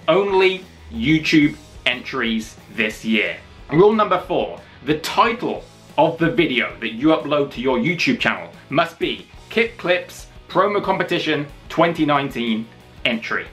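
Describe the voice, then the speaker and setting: A man in his thirties hosting a video, making an enthusiastic announcement to camera with energetic, hammy emphasis and drawn-out phrases. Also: a little high. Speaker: YouTube wrestling channel host. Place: small indoor room with posters. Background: music.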